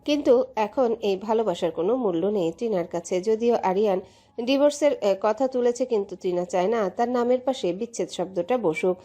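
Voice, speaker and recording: A woman narrating a romantic audio story in an emotive, steady way. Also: mid-range voice, normal speed.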